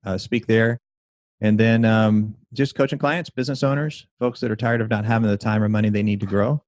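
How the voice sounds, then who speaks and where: A man's voice: on the low side, fairly even intonation, brisk, a little mellow, no room sound. Guy coaching on mindset, sure of himself, sounds dry and close up. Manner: confident, explanatory, sales-like. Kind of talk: interview guest explaining his method.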